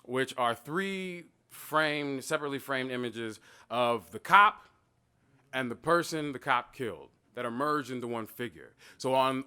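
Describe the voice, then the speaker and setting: A man in his thirties talking casually about his artwork, animated and digressive, often quoting voices as he tells stories. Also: medium pitch, clean tone. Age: 30s. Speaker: artist talking about his own work. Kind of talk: gallery talk, casual storytelling.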